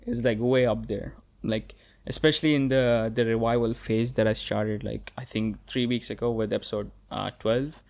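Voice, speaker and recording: A man's voice: lowish voice, steady tone, normal speed, creaky, a little mellow. Rambling, profane young man. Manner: rambling and profane, many fillers and restarts. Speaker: podcast host. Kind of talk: casual solo podcast monologue.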